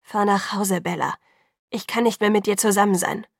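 A woman voicing a troubled teenage boy who speaks in a low, cold, halting whisper in an audiobook reading. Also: steady tone, dry recording, studio quality. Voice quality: hushed, hoarse whisper.

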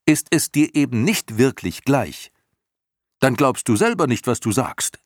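A determined young boy hero, acted by a man presses his point with insistent urgency. His voice carries a husky, gravelly grain and sits well above the narrator's low tone. The sound is close and dry. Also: normal speed, no room sound, close to an everyday voice. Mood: urgent.

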